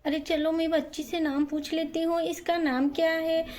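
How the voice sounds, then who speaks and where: A kind, worried young housewife who coaxes and soothes and thinks out loud, as a woman puts her on. She speaks in a very high, gentle voice for a doll storybook video. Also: flat delivery, normal speed. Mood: soothing. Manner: coaxing, talks to herself aloud.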